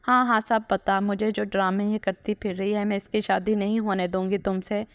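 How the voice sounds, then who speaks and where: A woman's voice: medium pitch, level tone, moderate pace, no echo, close to an everyday voice. A woman playing a scolding, scheming mother. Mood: angry. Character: stern, scheming middle-aged mother.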